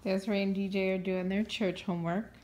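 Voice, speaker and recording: A woman's voice: medium pitch, flat delivery, fairly quick. A woman chatting casually and playfully behind the camera as she films a family vlog on a handheld device. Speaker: family vlogger filming. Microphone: handheld camera or phone. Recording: noisy handheld home video.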